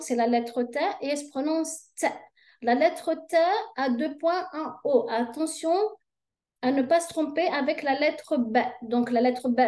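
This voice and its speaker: Slow, high-voiced woman teaching letters. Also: dark tone. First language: Arabic. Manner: patient, repeats each sound carefully. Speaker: Arabic reading teacher. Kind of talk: slow step-by-step lesson.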